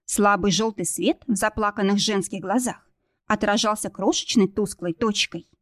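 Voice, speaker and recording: A woman's voice: medium pitch, fairly even intonation, moderate pace, no echo. Woman reading a dramatic story, mid voice, super dry close mic. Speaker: audiobook narrator. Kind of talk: scripted dramatic narration.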